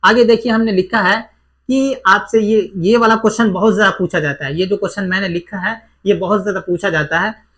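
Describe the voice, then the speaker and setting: A man's voice: high voice, steady tone, fairly bright tone. A man teaching an exam-prep grammar lesson, who repeats each point and asks and answers his own questions.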